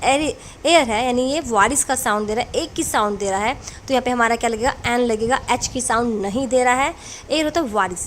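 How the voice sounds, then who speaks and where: A woman's voice: fairly high pitch, a little hiss or hum. A woman teaching English grammar in a classroom lesson, explaining rules patiently and answering her own questions as she goes.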